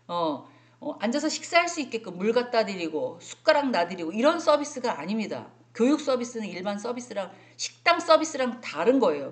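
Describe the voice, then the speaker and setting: A woman instructor giving a spelling lecture to adult learners, chatty and animated, often acting out little example scenes. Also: mid-range voice. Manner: animated, acts out examples, frequent fillers.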